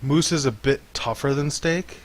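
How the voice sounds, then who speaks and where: A man's voice: a little high, normal speed. A man playing a tabletop game, laughing often and rambling through explanations. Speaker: player. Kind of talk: casual chat during a tabletop game.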